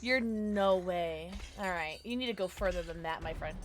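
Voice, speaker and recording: A woman livestreaming a game with a cute, high anime-girl voice, chatting with viewers in a playful, excitable, reactive way. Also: normal speed, noisy background. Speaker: livestream host playing a horror game. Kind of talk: casual livestream chat and game commentary.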